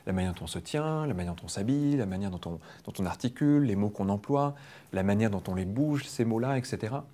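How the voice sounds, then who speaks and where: Fast-talking French hypnosis trainer. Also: male voice, on the low side, lively intonation, dark tone. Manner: quick, explanatory, playful, jokes with the audience. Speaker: hypnosis trainer leading a public demonstration. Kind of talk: lively teaching talk to a live audience. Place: training room with an audience.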